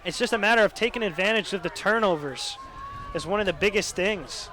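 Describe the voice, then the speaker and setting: Student color analyst, young man, high-pitched, explains plays loosely with fillers, outdoors at a stadium. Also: brisk, sharp tone, low-quality recording. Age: young adult. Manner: analytical, many fillers like "uh" and "you know". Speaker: color commentator. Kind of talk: college football analysis.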